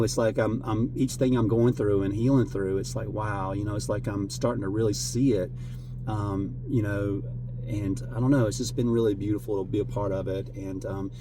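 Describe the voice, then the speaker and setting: A man talking earnestly and emotionally to camera as a vlogger, halting, with many fillers and restarts. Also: lowish voice, background noise. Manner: emotional, voice wavering at times. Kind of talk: heartfelt unscripted talk to camera.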